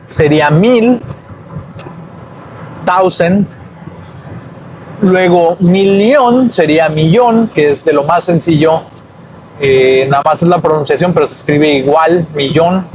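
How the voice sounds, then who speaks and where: A man teaches numbers in a casual video lesson. His voice sits fairly high and he talks slowly, pausing and correcting himself as he goes. A faint noise hums behind him. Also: a little mellow, poor audio. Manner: slow, hesitant, self-correcting. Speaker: language teacher.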